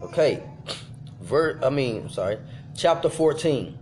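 A man's voice: mid-range voice, very animated, measured pace, a little mellow, a little hiss or hum. A man reading scripture aloud for a podcast, tripping over names, correcting himself and dropping casual slangy asides between verses.

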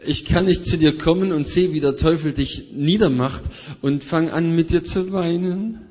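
A man's voice: fairly high pitch, moderate pace, a little mellow. A man interpreting a sermon into German in a church hall, mirroring the preacher's energy with some hesitant fillers. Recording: echoey hall.

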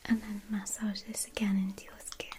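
A woman in a whispered role-play as a spa therapist, speaking in a soft, soothing, attentive whisper. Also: mid-range voice, level tone, moderate pace.

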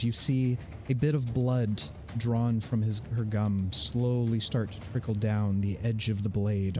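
A man narrating a tabletop fantasy game as game master, measured and descriptive with dramatic pauses. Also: on the low side, warm tone. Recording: background music under the voice.

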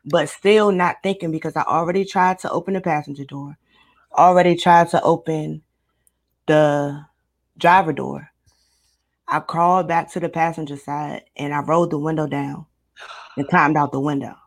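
A woman in her twenties from Maryland, a guest recounting a personal story in a casual interview, steady and matter-of-fact. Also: deep voice, normal speed. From Maryland, United States. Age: 20s.

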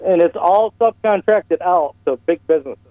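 A man's voice: high-pitched, normal speed, no room sound. A male caller to a radio talk show, talking bluntly and plainly over a clipped, crackly phone line. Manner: blunt, plain-spoken, rambling. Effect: clipped, bad phone line. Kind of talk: casual call-in chat.

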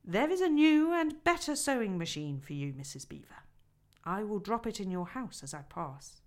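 A woman doing Father Christmas, slow and grand. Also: medium pitch, sing-song, natural voice. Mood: solemn glad. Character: huge, glad, solemn old Father Christmas.

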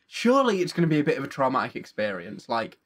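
A man's voice: mid-range voice, huge pitch swings, fast talker, fairly bright tone. A young man from Northern England co-hosting a podcast, chatting casually with dry, teasing humour. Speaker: podcast co-host. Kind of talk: casual chat.

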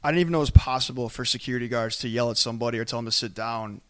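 A man with a hoarse, raspy voice that is nearly lost from yelling, chatting casually as a sports podcast co-host. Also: medium pitch, steady tone, very fast. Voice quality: raspy, strained voice. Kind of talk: casual sports fan chat.

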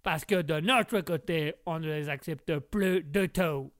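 A man playing a haughty, posh English gentleman, with a put-on mock accent, scolding his co-host as "old boy". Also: on the high side, sing-song, slow, breathy edge, exaggerated voice.

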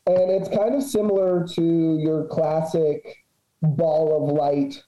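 Man with a very dark, echoey voice. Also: fairly high pitch, flat delivery, slow. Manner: laid-back, profane, laughs often. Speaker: guest researcher. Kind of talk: casual podcast chat. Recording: echoey, dull lo-fi sound.

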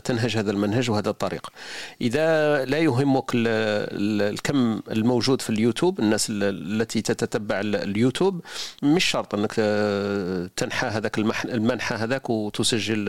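A man's voice: mid-range voice, dry recording. A man with an Algerian accent hosting a live audio room on a phone app, explaining and giving advice at length. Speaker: podcast host.

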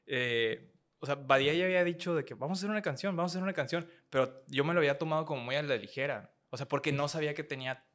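A male podcast guest with a fairly high voice and a northern Mexican accent. He talks casually in slang, slipping into English phrases. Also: very fast, fairly bright tone. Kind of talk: casual chat.

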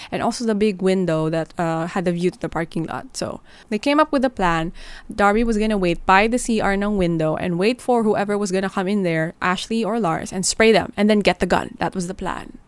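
A Filipino-accented woman hosts a podcast, retelling a crime story in a chatty, animated way. Her voice sits at a middling pitch and sounds close and dry, with no room around it. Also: clean tone, no echo. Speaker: podcast host. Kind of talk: storytelling narration mixing English and Tagalog.

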